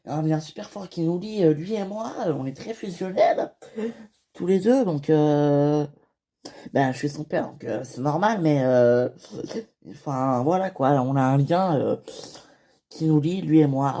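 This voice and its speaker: A doting, soft-spoken dad, as a woman voices him in a homemade toy-figure series. He mumbles low and mellow, circling back over the same hesitant phrases. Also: unhurried.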